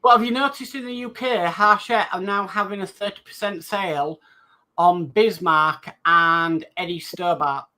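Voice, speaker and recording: Co-hosting a live stream, this man reads chat messages out and riffs on them casually. He has a high-pitched, pushed and bright voice and keeps a moderate pace.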